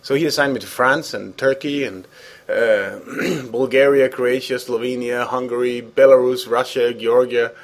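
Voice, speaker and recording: Speaking English as his second language after Danish, a man from Denmark appears as an interview guest; he once led an international organization. His medium-pitched voice moves at normal speed with fairly even intonation, and the conversation is marked by hesitation, fillers and frequent restarts.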